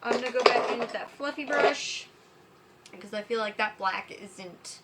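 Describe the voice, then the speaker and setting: A woman's voice: on the high side, normal speed, a bit bright, slight background noise, poor audio. A drunk woman giving a casual, chatty makeup tutorial, fumbling and tripping over her words as she goes.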